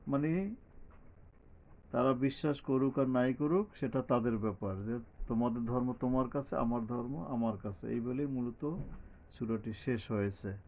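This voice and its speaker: A man teaching Quran recitation, chanting verses in long drawn-out tones and explaining pronunciation step by step. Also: medium pitch, a little mellow, highs cut off.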